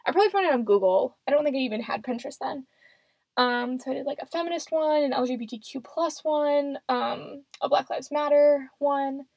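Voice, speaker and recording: A woman's voice: high voice, a little fast, vocal fry, darkish tone, no echo. A seventeen-year-old young woman hosting a casual, unscripted solo podcast in a rambling, self-deprecating way, recorded close and muffled in a closet. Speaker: podcast host. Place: small closet at home. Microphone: microphone.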